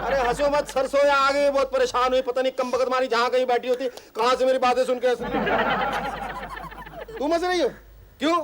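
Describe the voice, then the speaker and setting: A harried husband who rattles off grumbles and pun-filled wisecracks. His voice is pitched very high for a man. Hiss sits under the sitcom track. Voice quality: wisecracking, punning patter. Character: harried comic husband hunting for a maid. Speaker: sitcom character. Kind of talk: sitcom acting.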